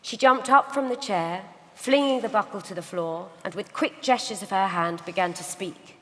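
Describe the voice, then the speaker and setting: A woman narrates a novel aloud at a live event. Her delivery is measured and low-key, in a mid-pitched voice. A long reverb carries through the large hall. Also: fairly bright tone. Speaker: reader. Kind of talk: literary reading narration.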